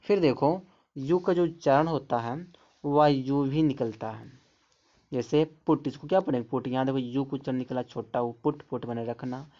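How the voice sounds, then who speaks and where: A man's voice: mid-range voice, normal speed, dark tone. Patient male teacher, lo-fi sound. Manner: repeats words and explains patiently. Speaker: English teacher. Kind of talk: slow phonics lesson. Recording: dull lo-fi sound.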